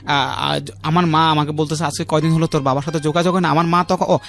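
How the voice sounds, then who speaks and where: His voice is fairly high, gravelly and a bit bright, delivered flatly and fast. The man, in his thirties with a Bangladeshi accent, recounts his personal story as a radio guest, repeating himself and using frequent check-in tags, while faint music plays in the studio.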